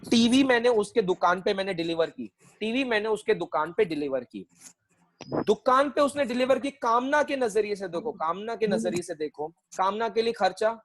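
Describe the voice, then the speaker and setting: A man's voice: high-pitched, lively intonation, normal speed, a bit bright, low-quality recording. A man teaching an online accounting class, mixing Hindi and English, joking with his students and repeating phrases as he quizzes them.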